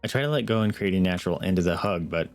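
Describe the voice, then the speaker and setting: A young man with a low voice streams while earnestly reading a visual novel aloud, tossing in wry asides. His intonation is lively and he races along, with no echo and soft music playing behind him.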